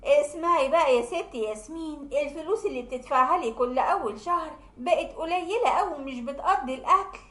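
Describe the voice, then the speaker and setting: A woman's voice: high-pitched, fast. Woman doing a bossy Egyptian mother-in-law. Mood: scolding. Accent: Egyptian Arabic. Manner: sharp, scornful, bossy. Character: domineering scolding older mother-in-law. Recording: roomy echo.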